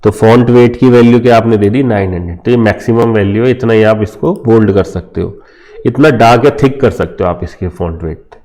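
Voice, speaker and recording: With a warm, lowish voice and a slightly fast delivery, a man with an Indian accent teaches coding informally on a screen recording. He keeps checking in with viewers, calls them friends and leans on "theek hai" as a filler.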